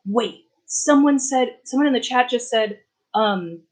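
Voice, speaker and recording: A woman's voice: a little high, lively intonation, a little slow, poor audio. A young adult woman hosting a casual live stream from her apartment, chatting in a rambling way with many fillers and restarts. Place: warm apartment.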